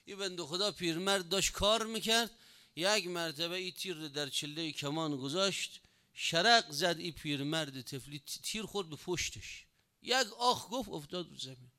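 A man preaching a sermon, telling a story with emphatic, drawn-out lines. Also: on the high side, pushed and bright.

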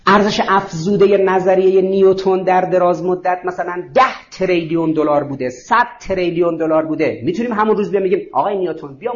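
A man's voice: high-pitched, highs cut off. A man giving an ideological lecture to students, asking rhetorical questions and answering them himself.

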